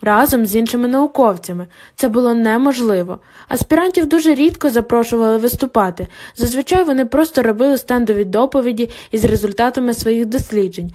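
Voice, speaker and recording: A woman's voice: on the high side, fairly quick, few pauses, mellow. Woman narrating an audiobook.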